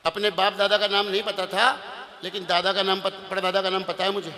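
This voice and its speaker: A male preacher giving a devotional katha sermon, telling the story in an animated way with emphatic bursts and sung lines. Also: high-pitched, fairly quick, long reverb tail.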